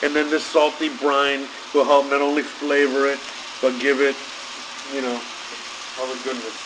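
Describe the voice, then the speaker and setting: A man in his thirties from Cuba hosts a home cooking vlog in his kitchen, chatting in an easygoing, rambling way. His mid-range voice has little pitch movement and a normal pace. There's noticeable kitchen background noise.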